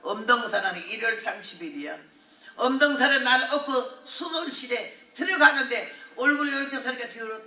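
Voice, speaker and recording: An older woman missionary preacher telling a testimony in a revival sermon, earthy and animated with laughter. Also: on the high side. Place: large hall at a prayer retreat. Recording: echoey hall, voice from far off.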